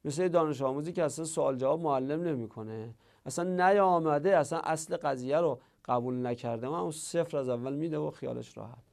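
Middle-aged guy, gravelly voice kinda high, chanting verb forms in a grammar class. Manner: recites verb forms in chanted lists, swinging loud and soft. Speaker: teacher. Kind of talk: lecture on Arabic grammar.

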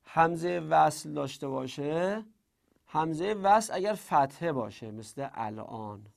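A man teaching an Arabic grammar lesson, lively and emphatic, drilling word forms aloud. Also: a little high, gravelly. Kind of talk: classroom lesson.

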